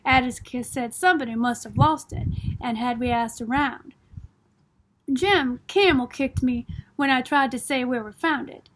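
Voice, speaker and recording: A woman narrating a novel in a steady, unhurried way, as in an audiobook. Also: sits high, a little hiss or hum.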